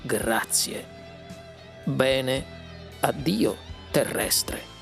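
A man's voice: mid-range voice, gravelly, a bit bright, faint music behind, full character voice. A man doing an indignant old artisan. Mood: cold. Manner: slow, protesting.

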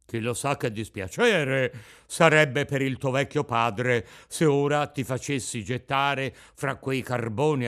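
A man voicing a gruff, bearded puppet-master, loud and rasping, who blusters but is soft-hearted. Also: mid-range voice. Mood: blustering. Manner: blustering, sneezing fits. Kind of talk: audiobook reading.

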